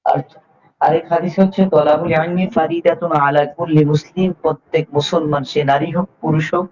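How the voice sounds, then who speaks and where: A man in his forties delivers a religious sermon in a somewhat high voice. He exhorts his listeners and recites Arabic verses before explaining them. The recording sounds dull and lo-fi. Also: flat delivery, brisk, a little mellow. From Bangladesh. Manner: exhorting, quoting Arabic scripture then explaining. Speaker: preacher.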